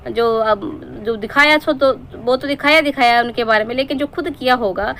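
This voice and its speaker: A woman's voice: fairly high pitch, normal speed, fairly bright tone, a little hiss or hum. A woman from Himachal Pradesh giving a scolding, sarcastic roast monologue as a reaction-channel commentator, lecturing her target at length.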